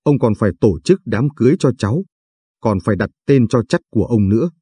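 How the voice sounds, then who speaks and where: A man's voice: mid-range voice, lively intonation, fast, warm tone, husky, no echo. A man voicing a young woman, a new doctor and devoted granddaughter who pleads affectionately with her grandfather. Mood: pleading.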